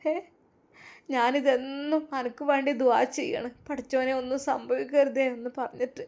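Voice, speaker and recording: A woman's voice: high-pitched, level tone, normal speed, creaky, a little mellow. A woman voicing a worried older mother from Malappuram who pleads anxiously, with a Malappuram accent. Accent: Malappuram Malayalam.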